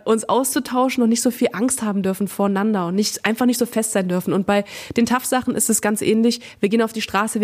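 A woman's voice: a little high, darkish tone. A woman in her thirties, a radio and TV presenter, chatting frankly and casually as a podcast guest, with many fillers and slang words. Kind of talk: casual interview chat.

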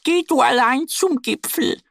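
A man voicing a little female duck in a storybook, timid and careful, with a high squeaky pleading voice. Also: measured pace, creaky, fairly bright tone, slight background noise, exaggerated voice. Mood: hesitant.

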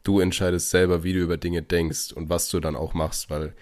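A man's voice: sits low, little pitch movement, fairly quick, a little mellow, dry recording, studio quality. A man hosting a motivational podcast, speaking directly to the listener in an exhorting way. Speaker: podcast host.

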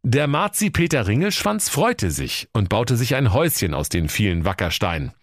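Animated man reading a comic story. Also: mid-range voice, normal speed, dry recording, clean studio sound. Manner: animated, playful narration.

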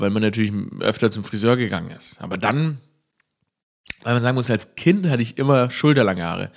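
Self-mocking man. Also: mid-range voice. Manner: rambling, self-ironic, jokey, laughs at his own stories. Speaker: comedian and podcast host. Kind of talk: casual comedic podcast monologue.

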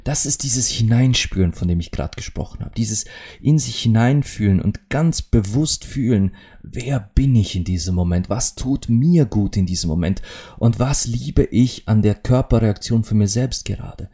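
A man's voice: on the low side, animated, normal speed, warm tone, slightly rough. A man hosting a podcast, speaking in an intimate, musing monologue that circles back and repeats its phrases. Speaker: podcast host. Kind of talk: reflective monologue.

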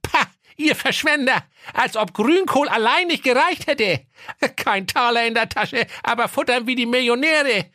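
A grumpy old male miser, scornful and snappish. The voice sits high and sounds sharp and bright. The recording is close and dry, as in a studio audio story. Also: lively intonation, measured pace, no echo, heavily acted. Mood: grumbling scornful.

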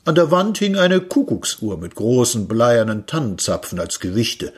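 A man reading a literary story aloud in a wry, lively storytelling manner. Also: mid-range voice, normal speed, husky. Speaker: reader.

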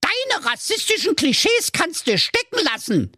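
A man's voice: high voice, huge pitch swings, normal speed, a bit bright, no room sound, clean studio sound, voice pushed up, full character voice. A man voicing a hot-tempered ninja with a strong Berlin accent, brash and insulting. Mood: angry.

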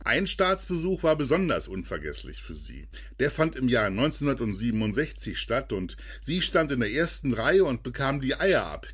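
A man reading a scripted podcast story as narrator, in a lively storytelling manner. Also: slightly rough. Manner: lively storytelling read with dramatic drops in pitch.

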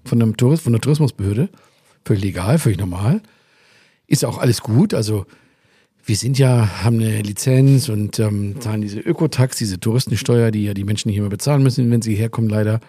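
A man's voice: fairly low pitch, dark tone, husky, no echo, studio quality. A man co-hosting a podcast in casual chat, ranting and swearing as he tells a story and acts out what others said. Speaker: podcast co-host.

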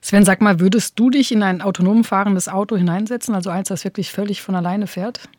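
Woman podcast host with a mellow, dry voice. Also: medium pitch, steady tone, quick pace, soft background music. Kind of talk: podcast talk. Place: studio.

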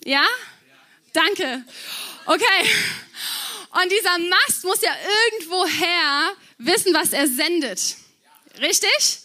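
High, bright-voiced young woman preaching. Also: slow pace, pauses often. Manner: casual, chatty and lively, with youth slang. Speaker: youth preacher. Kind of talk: sermon.

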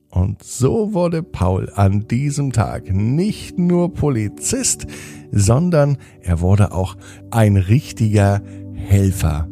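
A man tells a children's bedtime story in a warm, slightly husky voice, his pitch rising and falling with lively expression. He speaks gently to the child listening, close and dry, with faint music behind him. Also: no room sound.

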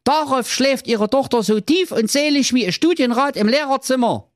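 A man's voice: normal speed, dry recording, studio quality. A man voicing a cheeky young prince in a bedtime story, pushy like a salesman. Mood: boastful. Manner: pushy, sales-pitch talk.

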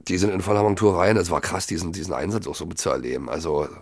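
A man co-hosting a casual podcast chat, retelling a story in an animated way, full of fillers and restarts. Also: sits low, quick pace, no room sound. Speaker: podcast co-host. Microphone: remote recording.

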